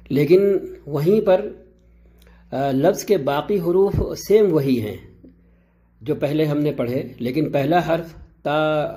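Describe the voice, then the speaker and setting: Guy teaching pronunciation, warm low-key voice, clears his throat a lot. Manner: slow and measured, with frequent drawn-out pauses and repetition. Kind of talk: explanatory lesson.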